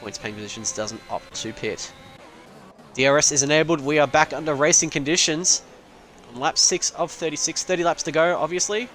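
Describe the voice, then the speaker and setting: A man's voice: on the high side, a little fast, fairly bright tone, soft background music. A young man giving loose, rambling live commentary on an online sim race, joking and swearing as he goes. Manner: casual, rambling, swears and laughs.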